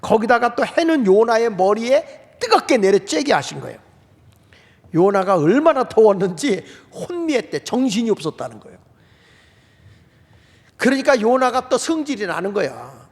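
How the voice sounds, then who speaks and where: A male pastor preaching a sermon in an animated way, acting out quoted outbursts and putting questions to the congregation. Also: sits high, normal speed. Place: church sanctuary. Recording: long reverb of a church hall.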